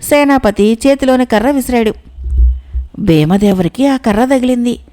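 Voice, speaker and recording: A woman narrating a folk tale audiobook with steady storytelling delivery. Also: on the high side, moderate pace.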